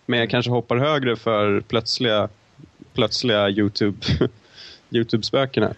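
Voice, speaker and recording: A man's voice: medium pitch, fairly even intonation, no room sound, dull audio. A young man co-hosting a casual film review chat, talking in long, winding, hesitant turns. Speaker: film podcast co-host.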